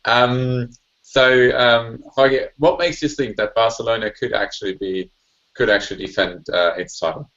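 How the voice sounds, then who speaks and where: A man's voice: mid-range voice, fairly even intonation, moderate pace, fairly bright tone. A male host steering a panel show, upbeat as he moves the talk along. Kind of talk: hosting a live panel show. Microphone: video call. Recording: muffled online call audio.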